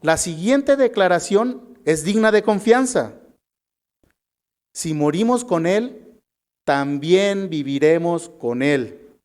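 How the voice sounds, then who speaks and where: A man's voice: high-pitched, lively intonation, slow, long pauses, a little mellow. A man with a Mexican Spanish accent preaching a sermon, reading scripture aloud and calling his listeners brothers.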